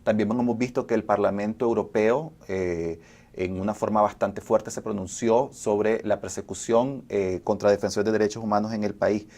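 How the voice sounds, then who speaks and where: A man's voice: on the low side, steady tone, moderate pace, mellow. Formal man hosting a TV interview. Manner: formal, poses long structured questions. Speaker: TV show host.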